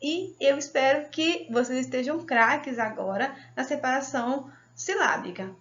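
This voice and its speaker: A woman teacher with a Brazilian Portuguese accent giving a video lesson to children, speaking slowly and patiently and drawing out words. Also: sits high, fairly bright tone, slightly rough, muffled recording.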